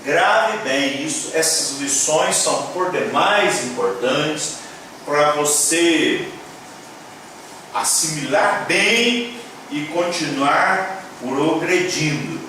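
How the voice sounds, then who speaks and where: A man teaching a lesson at a board, repeating key words slowly and checking in with his viewers, encouraging them as he goes. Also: a little high, lively intonation, pushed and bright. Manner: encouraging, addresses viewers as "minha gente". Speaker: Hebrew teacher. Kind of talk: classroom-style lecture at a board. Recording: echoey room, voice from a distance, faint background noise.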